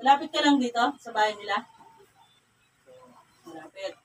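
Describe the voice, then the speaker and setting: A woman's voice: fairly high pitch, expressive, moderate pace. A woman faith healer with a Cagayan Valley accent, sternly questioning and scolding in a repetitive way. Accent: Filipino, Cagayan Valley. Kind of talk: healing ritual interrogation. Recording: distant mic with faint ambient noise.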